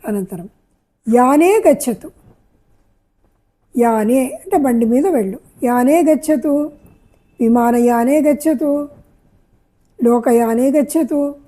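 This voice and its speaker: A woman teaches Sanskrit in a high, mellow voice with a husky edge. She repeats each phrase and glosses it patiently, as in a calm classroom lesson. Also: slow, long pauses. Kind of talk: slow spoken language lesson, explaining Sanskrit phrases in Telugu.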